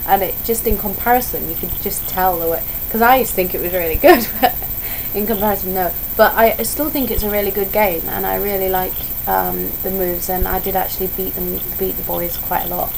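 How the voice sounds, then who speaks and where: A sick young vlogger with a voice beginning to give out chats in a casual, meandering way, frequently going off on tangents and interrupting herself. She talks briskly in a medium-pitched, creaky, darkish voice with fairly even intonation, and the home recording is noisy.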